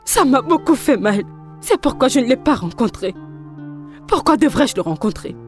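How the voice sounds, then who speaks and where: A heartbroken young woman, high voice, pleading a lot, faint music, french dub. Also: very animated, moderate pace. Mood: bitter. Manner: pleading, emotional, often crying out. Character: young woman Tega, jilted and emotional. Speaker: lead actress in a film dub.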